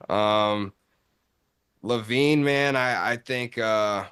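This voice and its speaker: A man hosting a casual sports podcast, talking in relaxed slangy banter and calling his friends bro. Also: on the low side, extremely slow, smooth. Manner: laid-back slangy banter, says bro often. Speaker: podcast host.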